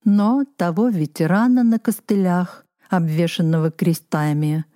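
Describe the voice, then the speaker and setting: Brief: woman audiobook narrator, low-pitched and unhurried, measured delivery. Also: mellow, no room sound, studio quality. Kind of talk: scripted literary narration.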